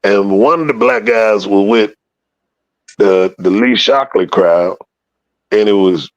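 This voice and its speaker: A man's voice: lowish voice, slow, no room sound. A man telling a story in an interview, casual and full of profanity, acting out the voices of the people in it. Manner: profane, animated, acts out quoted voices. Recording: dull lo-fi dry recording.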